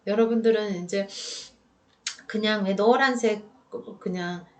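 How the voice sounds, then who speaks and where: A woman giving a chatty lecture on regional food, talking straight to her students and asking them questions. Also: mid-range voice. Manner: chatty, addresses students as 여러분, asks rhetorical questions. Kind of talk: recorded lecture. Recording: voice a bit far from the mic.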